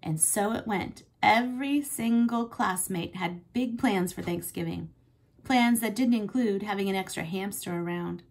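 A woman teacher reads a chapter book aloud with expressive storytelling. Her voice is husky and gravelly, at a middle pitch for a woman. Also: a little slow. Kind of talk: classroom read-aloud.

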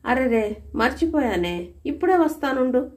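A woman's voice: high-pitched, moderate pace, voice pushed up. A woman doing a shrewd wise male minister. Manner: calm, persuasive, stern when warning.

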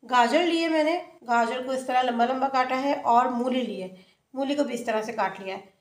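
High-voiced woman narrating a home recipe. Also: moderate pace, reverberant. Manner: plain, explains each step as she works. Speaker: cooking channel host. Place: home kitchen.

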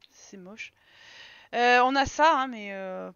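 Woman, streamer, casual game commentary, slightly high, sharp tone, scolds her characters, dull lo-fi audio. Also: slow pace, clean tone, dry recording. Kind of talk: casual let's-play commentary.

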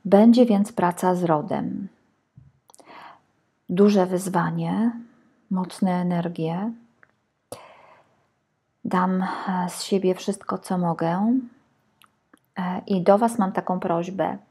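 A woman's voice: fairly low pitch, steady tone, slow pace, pauses often, mellow, slightly rough. A woman reading tarot for her viewers in a chatty, casual way, sometimes dropping to a whisper while she lays out the cards. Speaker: tarot reader.

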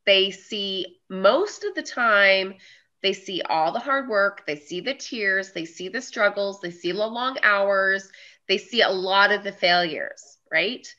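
Bright sharp-sounding woman hosting a podcast, repeats stuff for emphasis, muffled audio. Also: medium pitch, lively intonation, slow. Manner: warm, affirming, emphatic repetition. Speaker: podcast host. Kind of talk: casual interview chat. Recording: dull lo-fi audio.

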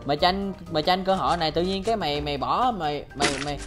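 A man's voice: a little high, racing, music in the background. A young man with a Southern Vietnamese accent, a gaming YouTuber arguing indignantly over voice chat and hurling accusing retorts. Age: young adult. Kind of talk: heated in-game voice chat argument.

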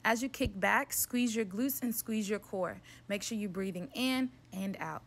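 A woman's voice: mid-range voice, a little slow, gravelly. A young adult woman coaching a workout as a fitness instructor, upbeat and encouraging, giving direct exercise cues.

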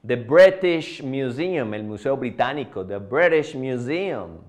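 A man teaching English pronunciation, repeating each word slowly in drills. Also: mid-range voice, expressive. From Colombia. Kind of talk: pronunciation lesson.

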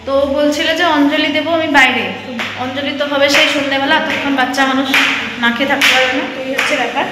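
A woman's voice: high voice, fairly even intonation, fast talker. A middle-aged woman from West Bengal talking casually to her viewers in a home vlog, chatty and friendly, sometimes mildly scolding her son. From West Bengal, India. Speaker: vlogger. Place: home, moving between rooms. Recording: echoey home rooms, faint room noise.

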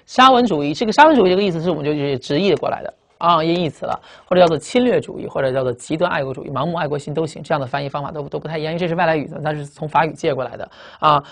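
A man teaching English vocabulary in a recorded lecture, explaining fast with lots of repetition and tag questions, speaking. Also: fairly high pitch, fairly bright tone.

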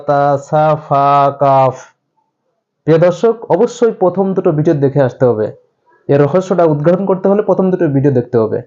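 A man teaching a step-by-step recitation lesson to viewers, drilling syllables slowly with much repetition. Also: on the high side, mellow, muffled recording. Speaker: Quran reading teacher.

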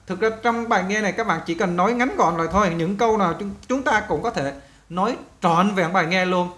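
A man teaching an English listening lesson to students. He explains step by step and models each English word slowly, repeating it several times. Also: high voice, fairly bright tone.

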